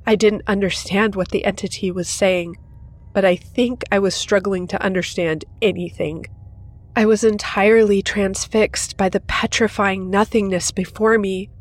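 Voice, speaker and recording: A woman's voice: medium pitch, fairly even intonation, normal speed. Woman narrating a horror story.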